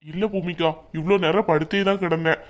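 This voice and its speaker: A woman voicing a calm, patient young husband lying injured in a hospital bed, in a cartoon. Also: deep voice, brisk, muffled recording, natural voice. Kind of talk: cartoon voice acting.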